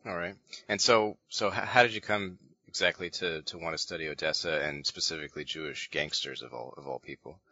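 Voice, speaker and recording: A man's voice: very deep voice, fairly even intonation, fairly quick, bright, forceful tone, dry recording, dull audio. A man hosting a podcast, presenting and interviewing as its host. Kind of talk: scripted introduction and interview hosting.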